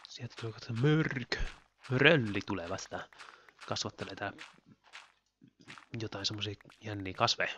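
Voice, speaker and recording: A man's voice: lowish voice, animated, long pauses, sharp tone, a little hiss or hum. A man giving rambling, giggly commentary on his own gameplay as a Let's Play host. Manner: chatty, rambling, giggly, talks to himself while playing.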